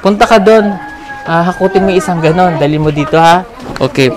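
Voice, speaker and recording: A woman's voice: fairly low pitch, fairly quick. A woman from the Philippines vlogging as she hands out aid, talking in a coaxing, motherly way and laughing easily. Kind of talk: casual on-camera chat.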